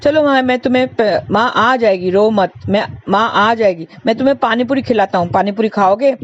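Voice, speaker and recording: A woman's voice: a little high, brisk, muffled recording, a little hiss or hum, lightly acted. A woman doing a kind coaxing stranger. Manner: coaxing, soothing offers. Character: kind adult man comforting a lost child.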